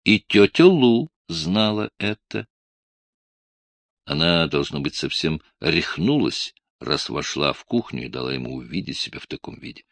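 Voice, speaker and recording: A man narrating an audiobook in an expressive storytelling manner. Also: very deep voice, a little slow, creaky, dry recording.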